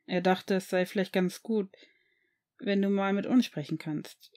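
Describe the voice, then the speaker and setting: Brief: a warm, easygoing young man, friendly and reassuring, read by a woman in her own voice, audiobook reading. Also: medium pitch, a little slow, lightly acted. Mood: earnest. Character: young man, warm cheerful shop owner.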